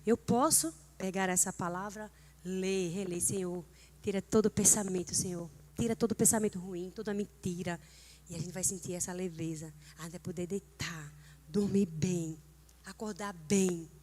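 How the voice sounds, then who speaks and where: A middle-aged woman from Brazil shares a personal testimony at a church prayer gathering. She speaks earnestly and emotionally, often rising into fervent, emphatic exhortation. Her voice sits at an ordinary middle pitch. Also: fairly even intonation, moderate pace, a little mellow.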